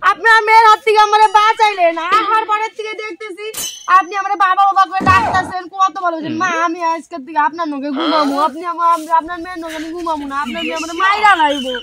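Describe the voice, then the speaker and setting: A woman playing a simple, half-deaf, devout young bridegroom, whining and pleading in a drawn-out way. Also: extremely high pitch, fairly even intonation, loud music behind the voice. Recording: loud noisy amateur recording.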